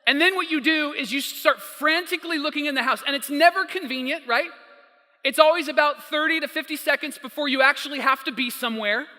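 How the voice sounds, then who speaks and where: A man preaching a sermon as a pastor, telling stories emphatically and slowing down for quotes. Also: very high-pitched, sharp tone. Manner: storytelling, emphatic, slows down for quotes. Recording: long hall reverb.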